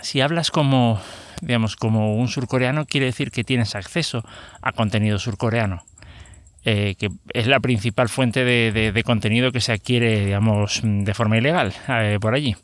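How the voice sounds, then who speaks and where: A man's voice: on the low side, steady tone, moderate pace, no room sound. A middle-aged man with a Spain Spanish accent hosting a podcast alone. He talks casually and rambles, with many hesitations and self-corrections. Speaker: podcast host. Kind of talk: casual solo podcast talk.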